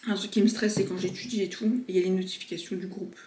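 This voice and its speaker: A woman's voice: mid-range voice, steady tone, quick pace, a little mellow, a little hiss or hum. A young woman in her twenties talks straight to her viewers in a loose, chatty vlog, dropping casual fillers as she goes. Her voice sits in a middling register and lands a little distant from the microphone. The room around her adds a noticeable echo. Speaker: vlogger. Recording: roomy sound, speaking away from the mic.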